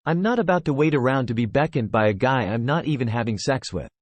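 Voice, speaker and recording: A man giving a lively, expressive first-person audiobook narration on a close mic. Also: medium pitch, quick pace, no room sound.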